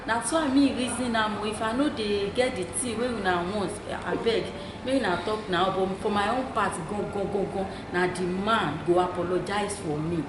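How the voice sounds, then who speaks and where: Female co-host, Nigerian accent, mid-pitched, insistent conversational advice, noisy recording. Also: moderate pace, few pauses. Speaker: talk show co-host. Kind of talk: opinionated conversational advice in Pidgin. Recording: echoey room with clear noise.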